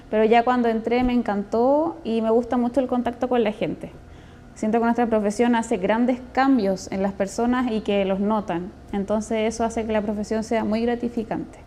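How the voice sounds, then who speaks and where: A woman's voice: fairly high pitch, dark tone, slight background noise. A woman dentist from Chile with a Chilean accent, speaking in a testimonial interview in an earnest, explanatory, conversational way.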